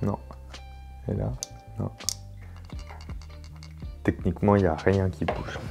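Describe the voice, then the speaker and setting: A man's voice: sits low, steady tone, takes it slowly, creaky, over music. A French man hosting a puzzle video, thinking aloud casually as he works, with jokes and mild swearing. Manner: casual, swears in surprise, jokey.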